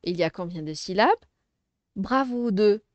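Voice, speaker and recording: Lively-voiced French teacher woman. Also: medium pitch, no echo, highs cut off. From Arabic-speaking background. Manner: slow, clearly articulated, encouraging teacher talk. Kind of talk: first-grade phonics lesson.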